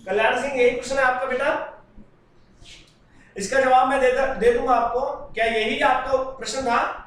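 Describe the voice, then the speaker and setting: A man's voice: extremely high pitch, fairly even intonation, normal speed, fairly bright tone, distant mic. A man teaching a live online class, answering students' comments in a chatty, fatherly way. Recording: very echoey room, voice from away from the mic.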